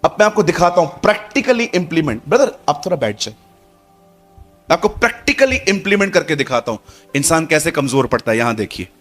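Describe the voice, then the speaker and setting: A man preaching a sermon in a lively way, repeating phrases and firing questions at the congregation. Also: on the high side, moderate pace, soft background music.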